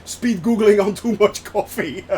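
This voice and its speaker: With a high-pitched voice and a slow pace, a man from the Netherlands speaking with a Dutch accent streams himself flying a simulator. He chats in an excited, casual way and laughs frequently, over slight background noise.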